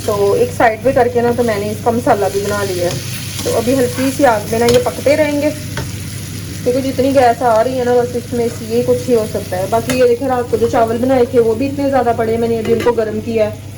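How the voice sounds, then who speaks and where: A woman's voice: fairly high pitch, fairly even intonation, brisk, noisy background. A woman from Pakistan chatting casually to her viewers in a home vlog, showing her cooking and sewing and talking to her children. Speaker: family vlogger. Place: home kitchen and rooms.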